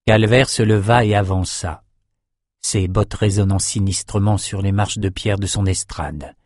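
A male narrator reading a dark fantasy novel aloud with measured storytelling. His voice sits somewhat low and comes across dry and close to the mic. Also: steady tone, dry recording. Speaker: audiobook narrator.

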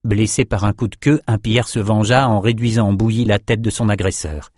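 A man reads a fantasy novel aloud in a steady, measured way. His voice sits low for a man. The sound is dry and close, with no room around it. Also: no room sound. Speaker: audiobook narrator. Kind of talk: scripted narration.

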